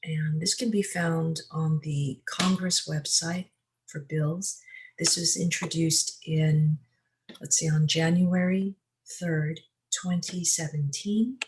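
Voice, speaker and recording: Presenter for a screen-share talk: slow, halting delivery with frequent filler sounds. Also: mid-range voice, fairly even intonation, a little mellow. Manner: slow, hesitant, many ums and uhs.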